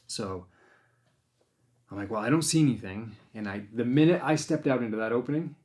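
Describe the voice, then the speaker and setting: His medium-pitched, darkish voice moves briskly as he tells the tale. The podcast host, a deer hunter from Maine, chats casually about a hunt, wandering off track, restarting often, and voicing his own thoughts aloud.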